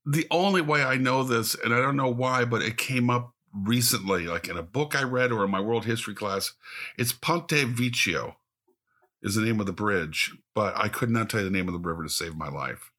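A man's voice: mid-range voice, moderate pace, pushed and bright. A man competing on a casual quiz podcast, joking at his own expense and laughing a lot. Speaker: quiz contestant.

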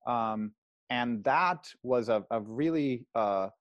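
A man's voice: medium pitch, slow, dry recording, dull audio. A man in his thirties from Venezuela, a guest telling his story on a video call from home, hesitant with many fillers. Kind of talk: casual interview storytelling. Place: home, indoors.

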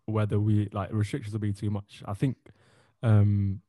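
A man with a British accent co-hosting a casual group podcast, chatty and animated. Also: fairly low pitch, moderate pace, no echo. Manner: chatty and animated, says "bro" a lot. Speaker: podcast co-host.

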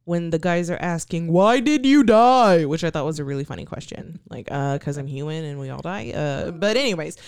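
A woman co-hosting a podcast, chatting in a relaxed and wry way while reviewing a TV episode. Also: deep voice, a little fast, few pauses, clear, resonant tone, no room sound, clean studio sound. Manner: relaxed and wry, short agreeing replies. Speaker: podcast co-host. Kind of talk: casual chat reviewing a TV episode.

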